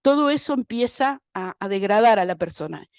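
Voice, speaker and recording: A woman's voice: medium pitch, expressive, brisk, a little mellow, clear, resonant tone. A woman with a Uruguayan accent giving a talk in a university lecture hall. She asks her audience rhetorical questions and acts out quoted dialogue. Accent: Uruguayan Spanish. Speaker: speaker on domestic violence. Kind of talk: lively public talk.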